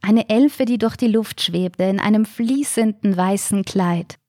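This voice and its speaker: A woman reading a story aloud in a measured, calm storytelling manner. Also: medium pitch, no echo, studio quality. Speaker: narrator. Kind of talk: audiobook narration.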